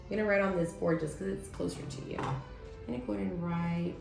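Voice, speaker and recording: A woman's voice: fairly low pitch, fairly even intonation, fast, gravelly, over music. A woman teacher giving a demonstration reading lesson, patiently checking in with her class as she goes. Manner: patient, checks in often with "okay?". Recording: echoey room, faint ambience.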